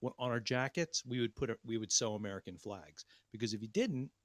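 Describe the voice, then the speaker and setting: A man's voice: medium pitch, brisk, no room sound. A man hosting a podcast in casual banter, rambling with restarts and crude jokes. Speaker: podcast host.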